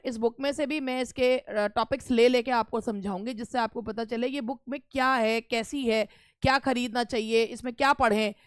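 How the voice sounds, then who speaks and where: Lady teacher doing exam prep online, clear smooth voice, dry close mic, drags out words to show stress. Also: fairly high pitch, no echo. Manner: explains step by step, repeating terms with stretched demonstration stress.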